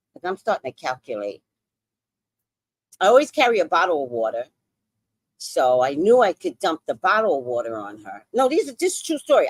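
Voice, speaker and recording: A woman's voice: low voice, no room sound. A woman in her sixties telling a story in a casual, profane, dramatic way as a podcast host. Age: 60s.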